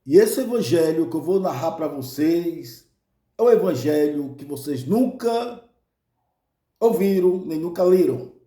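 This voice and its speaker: A Brazilian man with a Brazilian Portuguese accent, telling a comic story and chuckling often as he fills his pauses with "né". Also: on the high side, animated, warm tone, roomy sound.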